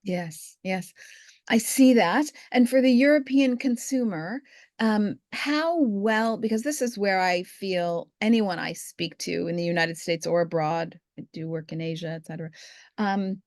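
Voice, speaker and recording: A woman's voice: medium pitch, unhurried, darkish tone, dry recording, studio quality. A woman being interviewed as a guest, speaking in a talkative, enthusiastic way. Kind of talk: conversational interview.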